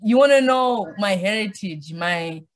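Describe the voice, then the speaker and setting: Unhurried and medium-pitched, this young woman, originally from Zimbabwe and now Australian, chats casually as a podcast guest. She brings her stories to life by performing imagined dialogue and dropping colloquial slang.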